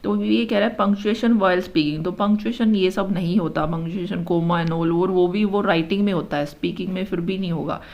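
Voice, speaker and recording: A woman teacher explaining an exam-prep lesson step by step, mixing English terms into her Hindi and reading each option slowly before explaining it quickly. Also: lowish voice, steady tone. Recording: dull lo-fi recording.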